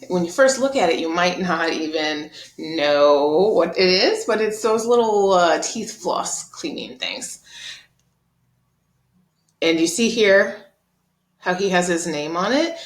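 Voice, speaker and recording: A woman teaching an art lesson over slides, explaining in a relaxed, chatty way with frequent ums and uhs. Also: on the low side, measured pace. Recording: roomy echo.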